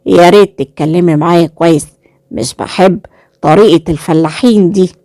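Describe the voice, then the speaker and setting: A woman voicing a calm, guarded young man who is a chef, with an Egyptian accent and measured speech. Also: high voice, no room sound, studio quality. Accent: Egyptian Arabic. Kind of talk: storytelling role voice.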